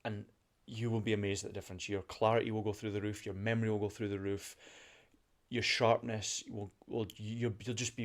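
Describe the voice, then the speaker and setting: A man's voice: on the low side, gravelly. A young man hosting a solo motivational podcast. He talks with passion, gets worked up and repeats his points for emphasis. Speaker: podcast host.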